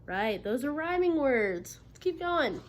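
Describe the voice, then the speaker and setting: This is an interactive read-aloud of a children's picture book by a woman in a teacher role, her narration lively and punctuated by questions and affirmations to see how the listeners are following. She speaks with a high voice that swings widely in pitch, in an instructive way. The recording carries noticeable background noise.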